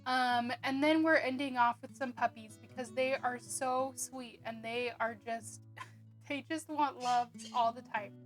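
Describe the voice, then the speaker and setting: A woman's voice: on the high side, fairly even intonation, measured pace, soft background music. A woman narrating a casual homemaking vlog, chatty and rambling with frequent ums and little laughs. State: hiccuping. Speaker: homemaking vlogger.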